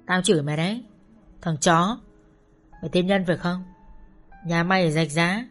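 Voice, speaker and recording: A tall, hot-tempered young man, enraged and cursing through gritted teeth, his voice low and hard, as a woman reading the story plays him. Faint music sits under the reading. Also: moderate pace, lightly acted.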